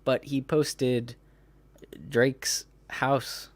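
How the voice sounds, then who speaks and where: A man's voice: mid-range voice, level tone, very slow, no room sound. A man hosting a podcast in casual chat, rambling and laughing as he breaks into mocking impressions. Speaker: podcast host.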